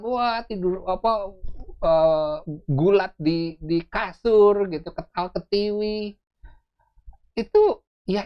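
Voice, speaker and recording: A man delivers a casual sermon. He talks like he is chatting with friends, animated and quick to laugh. His teaching stays loose and conversational. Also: fairly high pitch. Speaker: preacher.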